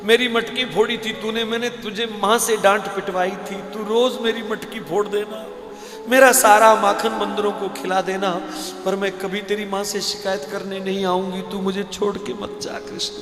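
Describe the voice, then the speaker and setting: A man voicing a tearful village milkmaid woman who pleads in a hushed voice during a devotional storytelling sermon. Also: sits high, flat delivery, moderate pace, faint music behind. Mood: pleading. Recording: echoey hall.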